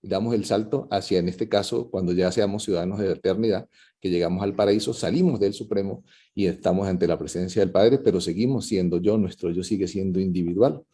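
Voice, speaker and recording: A man speaking over a video call with a deep, very mellow and dark voice. He explains his points in a thoughtful, searching way, full of fillers and restarts, as a participant commenting in an online talk. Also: a little fast, husky. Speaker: conference participant. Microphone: video call microphone.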